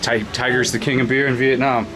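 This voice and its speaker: A man's voice: mid-range voice, flat delivery, a little fast, noisy background. A man from California chatting casually and agreeably in a bar, swearing now and then. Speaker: host.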